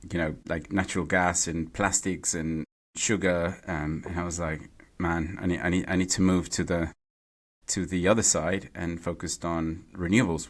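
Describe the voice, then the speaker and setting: A man from Mexico, a guest in a podcast interview, talking in a halting way and repeating words as he thinks. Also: low-pitched. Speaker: podcast guest, renewable energy CEO. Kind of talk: casual interview conversation. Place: home or office in London.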